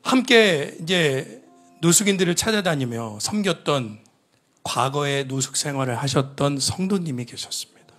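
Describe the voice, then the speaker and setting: A middle-aged man preaching a sermon in a raised voice with a wide, lively pitch. He tells his story with feeling, drops to hushed whispers, then climbs to loud pleading. Soft music plays faintly behind him. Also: moderate pace. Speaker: pastor.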